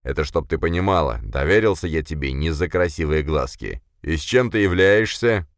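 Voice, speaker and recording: A man voicing a fat, bossy middle-aged police chief who shouts and blusters. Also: rumbling low, lively intonation, moderate pace, no room sound, clean studio sound. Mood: blustering, angry.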